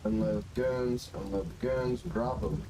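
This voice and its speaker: A game streamer with a stuffy nose mutters and swears to himself through casual, rambling live commentary, his medium-pitched voice steady in tone and measured in pace. Video game gunfire and ambience sit behind him.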